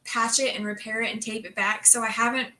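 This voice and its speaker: A woman's voice: fairly high pitch, little pitch movement, a little fast, bright, forceful tone. A woman in her late thirties co-hosting a family livestream, chatting with many fillers as she tells stories. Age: late 30s. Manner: chatty, filler-heavy storytelling. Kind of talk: casual livestream chat.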